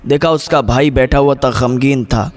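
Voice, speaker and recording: A man's voice: medium pitch, steady tone. A man preaching a sermon, telling a moral story in a dramatic, repetitive style.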